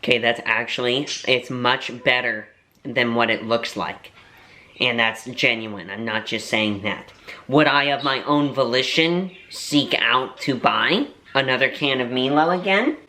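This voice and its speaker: A young man talks to camera in a relaxed food-tasting vlog, rambling through stories and self-mocking jokes. His voice is bright and forward. The room lends it a noticeable echo. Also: mid-range voice, measured pace. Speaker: vlogger and voiceover artist. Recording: roomy echo.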